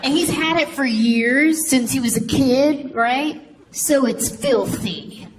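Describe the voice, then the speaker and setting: Lively woman doing stand-up. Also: high-pitched, takes it slowly. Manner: animated storytelling with shouted kid voices. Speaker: stand-up comedian. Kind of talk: stand-up comedy set. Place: comedy stage before a laughing audience. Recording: live stage audio with crowd noise.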